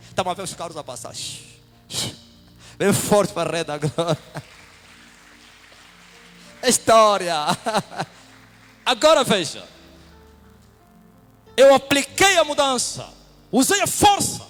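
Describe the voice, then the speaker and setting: Animated high-voiced preacher. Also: male voice, slow pace, long pauses, soft background music. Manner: swings from loud shouted praise to hushed whispers. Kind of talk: testimony sermon.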